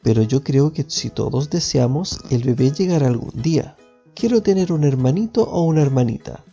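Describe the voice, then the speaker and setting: A man voicing an eager, excited little boy in a storybook reading. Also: mid-range voice, normal speed, lo-fi sound, soft background music, close to an everyday voice. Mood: pleading.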